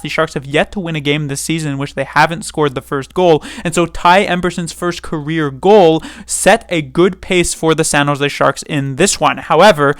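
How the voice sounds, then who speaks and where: Measured man reviewing a hockey game. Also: a little high, a bit bright, no room sound, clean studio sound. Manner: measured, analytical delivery. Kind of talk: scripted-sounding game review.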